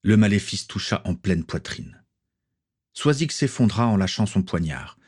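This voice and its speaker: Male audiobook narrator, low and husky, measured read. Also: very animated, darkish tone.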